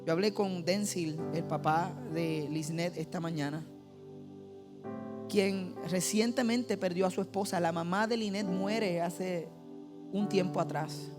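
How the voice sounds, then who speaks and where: A man's voice: high-pitched, measured pace, over music. A man pastor preaching a sermon, earnest and building to emphatic exhortation, with prayer woven in. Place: church service on stage. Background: live keyboard playing.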